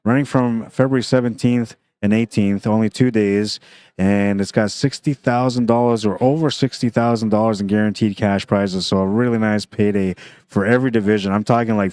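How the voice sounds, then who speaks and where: Low, flat-voiced male pool commentator. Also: clean tone, no room sound. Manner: chatty, thinks aloud about shots. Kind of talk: casual play-by-play commentary.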